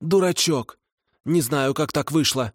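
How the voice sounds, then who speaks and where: A man's voice: a little high, unhurried, dry recording, studio quality, pitched above the performer's own voice. A man voicing a desperate old female swamp spirit who shrieks and hisses. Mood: submissive. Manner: shrieking and hissing.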